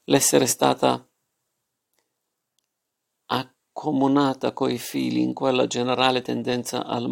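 A male narrator reading a literary novel aloud in a measured, steady pace, with a heavily gravelly, creaky voice. His melody stays flat and even, and he now and then trips over a word before correcting it. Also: mid-range voice. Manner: measured, occasionally stumbling on words.

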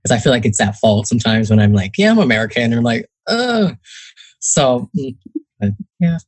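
A young adult man from New Jersey, appearing as a guest author, talks casually in an interview with many fillers and acted-out quotes. His mid-range voice is sing-song at a moderate pace, with no echo.

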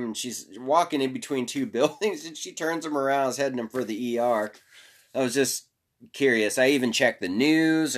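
A man's voice: medium pitch, a bit bright. A man hosting a podcast, telling stories in a rambling, profane, casual way and laughing often. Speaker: podcast host. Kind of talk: casual storytelling monologue.

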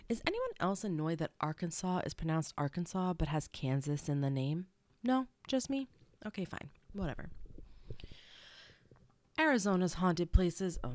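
A woman's voice: fairly low pitch, a little mellow, dry recording. A young woman hosting a casual podcast, chatty and rambling with side stories, her nose stuffy. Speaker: podcast host. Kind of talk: casual solo podcast chat.

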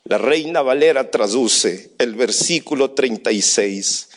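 A man preaching a sermon as a pastor, telling a story in a hushed voice and then shouting his appeals to the church. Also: mid-range voice, animated, takes it slowly.

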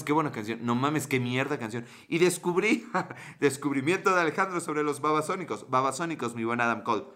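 A Mexican man with a bright, forceful voice chats casually on a livestream. He sits a little high in pitch, swears freely and banters with his viewers as he answers their comments. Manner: loose and profane, joking with viewers. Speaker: livestream host.

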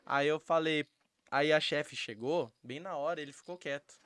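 A man's voice: fairly high pitch, moderate pace, clear, resonant tone, dry recording. A Brazilian man chatting casually on a podcast, telling stories and acting out the people in them. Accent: Brazilian Portuguese. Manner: animated storyteller acting out quotes.

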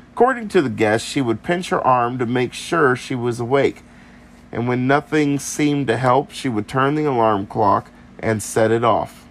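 A man's voice: mid-range voice, a little hiss or hum. A man co-hosting a podcast, casually retelling a ghost story and slipping into silly voices for the people in it. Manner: playful, drops into silly voices for quoted people. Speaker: podcast co-host.

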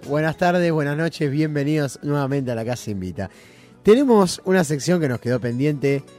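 A man's voice: on the high side, expressive, normal speed, a little mellow, faint music behind. A man with a Rioplatense Spanish accent hosting a casual radio show, playful and joking with his co-hosts. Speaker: radio host.

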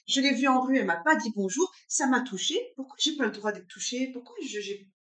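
A woman chatting at a brunch, earnest and hesitant, pausing often. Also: high voice, lively intonation, fairly bright tone. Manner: earnest, hesitant, many fillers. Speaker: guest sharing her story. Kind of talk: casual chat. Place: room at a brunch. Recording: roomy sound, away from the mic.

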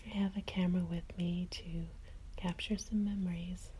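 A woman host whispering a calm, slow sleep story, close to the mic. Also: lowish voice, a little hiss or hum.

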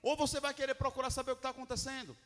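A Brazilian pastor with a high male voice preaches to his congregation, pressing his points with loud calls and then dropping to near-hushed lines. His words ring out with a long reverb through the church hall. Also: flat delivery, very fast. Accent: Brazilian Portuguese. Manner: emphatic preaching, swinging between loud and hushed. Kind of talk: sermon.

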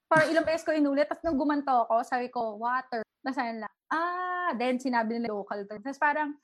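A Filipino woman guest telling stories in a lively casual chat, laughing often. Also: high-pitched, rapid-fire. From Philippines. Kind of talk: casual chat mixing Tagalog and English.

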